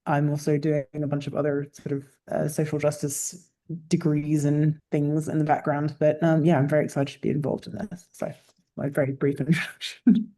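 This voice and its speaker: A middle-aged woman from the UK, a professor, talks in a low, mellow voice. She sounds quick and upbeat, keeps a flat melody, and joins over a video call. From United Kingdom. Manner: quick and upbeat, laughs easily. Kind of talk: self-introduction on a video call.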